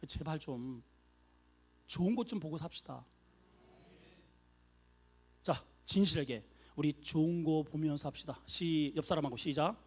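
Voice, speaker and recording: A man who is the pastor, preaching a sermon with animated swings between loud exhortation and soft asides. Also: a little high, unhurried, long pauses, husky.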